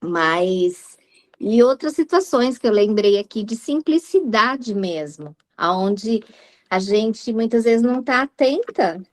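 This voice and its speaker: A woman's voice: on the high side, animated, slow. Chatty Brazilian woman telling a story. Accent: Brazilian Portuguese. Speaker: participant. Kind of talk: personal testimony.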